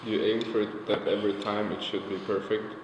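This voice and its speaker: A man's voice: lowish voice, little pitch movement, fairly quick. Casual man in an echoey hall. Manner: casual, swears offhand. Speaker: circus performer. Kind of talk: casual group talk. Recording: echoey hall, noisy background.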